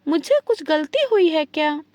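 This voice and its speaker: Woman reading as a gentle young daughter-in-law. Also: sits high, sing-song, normal speed, dry recording. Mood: concerned.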